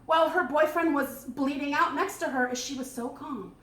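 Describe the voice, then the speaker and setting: A woman co-hosting a casual talk show, speaking in a halting, heartfelt way with frequent restarts. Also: high voice, fairly bright tone. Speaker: co-host. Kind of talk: casual chat. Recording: echoey room, voice a bit off-mic.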